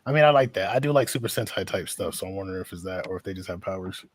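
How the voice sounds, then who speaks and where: Animated man with a husky voice. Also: deep voice, racing, no echo. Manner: animated, stumbling restarts, laughs often. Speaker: podcast co-host. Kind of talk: casual livestream chat.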